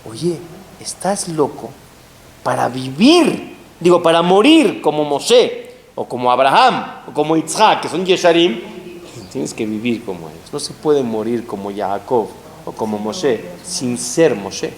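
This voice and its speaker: Animated rabbi preaching in a roomy hall. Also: male voice, mid-range voice, measured pace. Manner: animated, rising emphatic storytelling with rhetorical questions. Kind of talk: sermon to a live audience. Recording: roomy hall with faint hiss.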